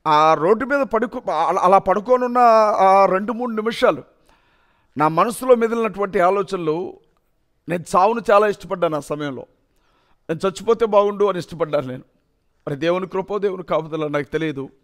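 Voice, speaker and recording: High-voiced man giving an emotional testimony. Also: a little fast, long pauses, a bit bright. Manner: earnest, emotional storytelling. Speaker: testimony speaker. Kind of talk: personal testimony.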